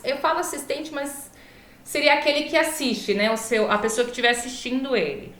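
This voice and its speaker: A woman's voice: fairly high pitch, a bit bright. A Brazilian woman teaching an online law class informally, her speech slightly impeded by a swollen mouth as she stumbles over long words and corrects herself. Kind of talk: online lecture, informal explaining. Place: echoey room, online class. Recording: echoey room.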